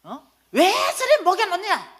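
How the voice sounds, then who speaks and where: A woman voicing a gruff middle-aged male tape vendor who yells scornfully, shouting and scolding. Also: extremely high pitch, wildly swooping pitch, a little slow, pitched above the performer's own voice, heavily acted. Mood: scornful yelling.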